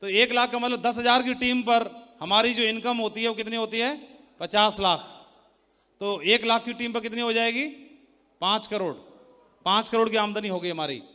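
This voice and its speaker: Loud, bright-voiced man in an echoing hall. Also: extremely high pitch, steady tone, moderate pace. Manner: loud, teasing, quizzes the crowd. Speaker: seminar speaker. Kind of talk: motivational sales talk to a live audience. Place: large hall with an audience. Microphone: handheld mic.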